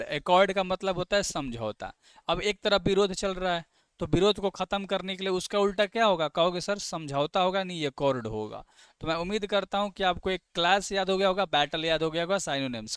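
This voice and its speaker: A man's voice: a little high, a bit bright, clear, resonant tone, dry recording, studio quality. A man teaching exam vocabulary. He keeps asking questions and answers them himself, and he spells words out letter by letter. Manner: plays the student's reply as "sir, ...". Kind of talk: vocabulary lesson for exam students.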